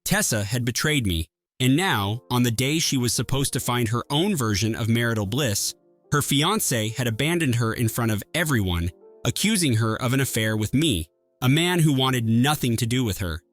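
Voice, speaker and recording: A man telling a first-person story in an even, measured scripted narration. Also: mid-range voice, dry recording, faint music behind.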